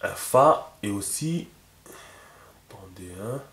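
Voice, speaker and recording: A man's voice: lowish voice, animated, slow pace, fairly bright tone, a little hiss or hum. Chatty man teaching in an echoey room. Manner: chatty, repeats himself, many fillers. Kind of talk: casual video lesson.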